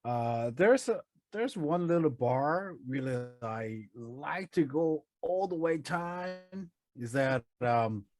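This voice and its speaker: A man's voice: on the high side, lively intonation, slow pace, darkish tone, dry recording. A man with a Korean accent, a native Korean speaker talking in English. He co-hosts a casual podcast and often stops to search for words. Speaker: podcast co-host.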